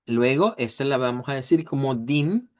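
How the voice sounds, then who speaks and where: A man's voice: mid-range voice, lively intonation, normal speed. A man teaching a language class, patient and methodical, repeating example words several times. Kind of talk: online class lesson.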